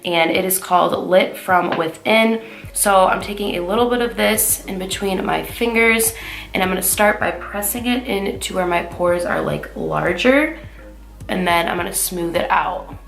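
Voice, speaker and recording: A beauty vlogger in her twenties runs through a casual makeup tutorial, chatty and upbeat with lots of fillers, her voice nasal as she recovers from a cold. She speaks on the low side at a moderate pace with a creaky quality. Faint music plays behind her.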